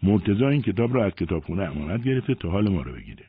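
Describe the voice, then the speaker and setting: A man's voice: low voice, very animated, slightly rough, no room sound, heavily acted. A man voicing a mischievous schoolboy friend who fakes a stutter to hide who he is. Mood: sly. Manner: fakes a stutter to disguise himself. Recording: dry, phone-like narrow sound.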